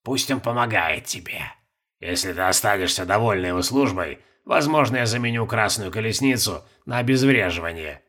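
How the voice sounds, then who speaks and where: A male narrator voicing an ancient, shrivelled male ruler who speaks slowly and curtly in a creaky voice, cold and commanding. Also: fairly low pitch, animated, bright, forceful tone. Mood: imperious. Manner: slow, curt, imperious. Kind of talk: audiobook character voice.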